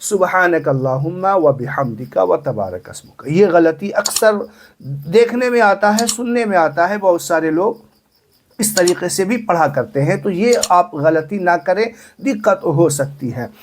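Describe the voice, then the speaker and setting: A man's voice: sits high, unhurried, slight background noise. A man gives religious instruction. He goes step by step, repeating himself and asking questions he then answers, in the manner of a patient teacher.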